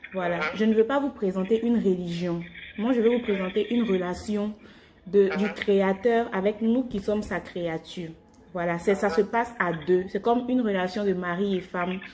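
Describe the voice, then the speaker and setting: On a phone call to strangers, a woman evangelist explains her faith informally, rephrasing herself as she goes. Her voice is medium in pitch with a darkish tone.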